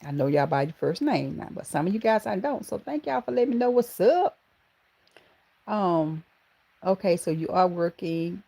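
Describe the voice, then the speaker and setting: This fairly low, slightly rough voice with vocal fry belongs to a Southern-accented woman from Georgia hosting a casual livestream at a normal pace. She welcomes viewers by name, affectionately calls them baby and honey, and exclaims animatedly.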